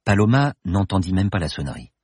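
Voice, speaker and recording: A man narrating an audiobook in an even storytelling delivery. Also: deep voice, brisk, husky, no room sound, clean studio sound.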